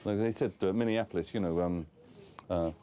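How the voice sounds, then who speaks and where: A man's voice: sits low, a little fast, dark tone. A man, a visiting travel writer, chatting casually in an outdoor interview and rambling through plenty of fillers. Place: outdoors on a frozen lake.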